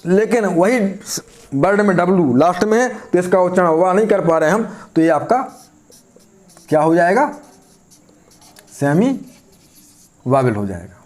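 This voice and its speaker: A man's voice: sits high, lively intonation, a little slow, long pauses, a little mellow. A man teaching an English grammar lesson, asking the class questions and answering them himself.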